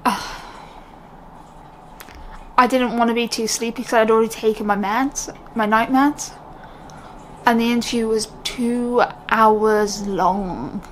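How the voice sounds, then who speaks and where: A woman's voice: a little high, fairly even intonation, takes it slowly, long pauses, a little hiss or hum, rough recording. A young British woman talking to camera in a casual, unscripted way, candid and rambling, often breaking off her own sentences. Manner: candid, rambling, self-interrupting. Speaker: vlogger.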